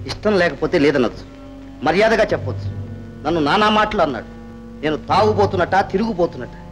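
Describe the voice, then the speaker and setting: A scheming middle-aged landlord who talks in a measured, coaxing way, with a raised pitch and a lively, swooping melody. The voice comes from an old film soundtrack, with a faint score under it. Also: male voice, soft background music. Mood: persuasive. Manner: measured, persuasive, rising to proud anger. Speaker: zamindar. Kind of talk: 1960s film acting.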